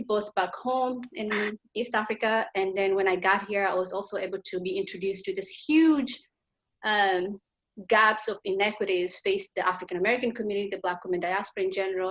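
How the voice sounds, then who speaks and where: A woman from Somaliland, raised in Tanzania, telling her story as a nonprofit founder in an earnest, lively way on a panel held over a video call. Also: medium pitch, highs cut off. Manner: earnest, animated storytelling with laughs. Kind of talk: panel discussion.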